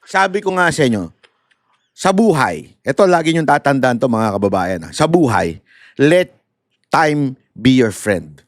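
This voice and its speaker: A man with a mid-range voice addresses viewers in live political commentary, speaking a little slowly. He's animated and mocking, mixing Tagalog and English and laughing often. The recording is dry.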